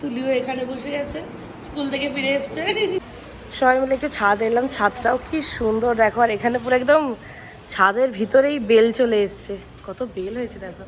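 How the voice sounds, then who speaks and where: Young woman vlogger, fast, chatty and high-voiced, phone video with steady background noise. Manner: chatty, excitable. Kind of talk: casual vlog narration. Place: family home and outings.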